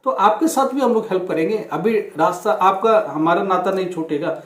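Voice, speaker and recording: Male education host, high voice, earnest, echoey room. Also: expressive, moderate pace. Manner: earnest, warning, reassuring. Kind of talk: casual talk to students.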